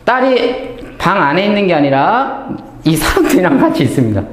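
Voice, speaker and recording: A man teaches a Bible lesson in a high, sweeping voice. He keeps asking himself questions and answering them, and acts out the lines he quotes. The room is echoey. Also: moderate pace. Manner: animated, asks and answers his own questions, acts out quoted speech. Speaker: Bible lecturer. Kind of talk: Bible study lecture.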